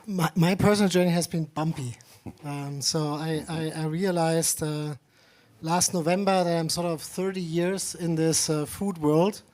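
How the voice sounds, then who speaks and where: A man's voice: fairly high pitch, fairly even intonation, measured pace, darkish tone. A middle-aged man from Germany, speaking on a conference panel with many fillers and dry humor. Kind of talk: panel discussion.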